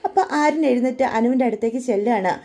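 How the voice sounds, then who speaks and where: High-voiced chatty woman storyteller. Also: racing, mellow. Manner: chatty, addresses listeners with tag words. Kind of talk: casual story narration.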